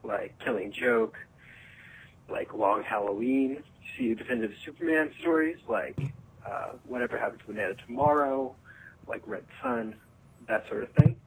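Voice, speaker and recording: A man's voice: medium pitch, moderate pace, slight background noise, poor audio. A man leaving a voicemail to ask a show a question, played back on air, listing examples and asking questions one after another.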